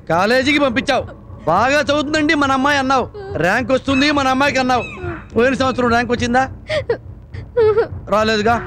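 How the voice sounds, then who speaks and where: An actor playing a fussy middle-aged husband, a former farmer turned politician, who lectures his wife theatrically in a film comedy. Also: extremely high pitch. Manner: theatrical, pleading then lecturing. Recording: film soundtrack with loud music.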